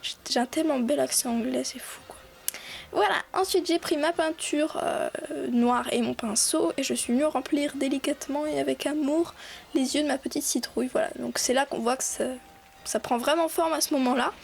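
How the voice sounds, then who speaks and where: A woman's voice: sits high, a little fast, vocal fry, slight background noise. A young woman hosting a casual voice-over craft tutorial, chatty and full of fillers and restarts.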